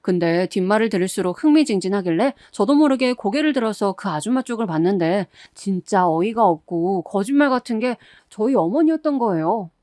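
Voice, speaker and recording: A woman's voice: mid-range voice, lively intonation, a little fast, hardly any pauses, a little mellow, no echo, studio quality. A woman narrating a first-person story in a confiding, conversational way.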